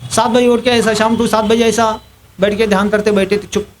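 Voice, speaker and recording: High-voiced man telling a temple story. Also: fairly quick, slight background noise. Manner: animated storyteller acting out other people's quotes and laughing at his own story. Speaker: preacher giving a scripture class. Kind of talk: storytelling sermon. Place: temple hall.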